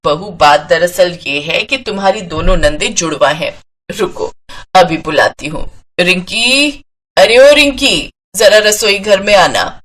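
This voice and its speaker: Brief: woman voicing a calm older matriarch, deep and unhurried. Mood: amused. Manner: low, slow, soothing. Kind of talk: storybook character voice.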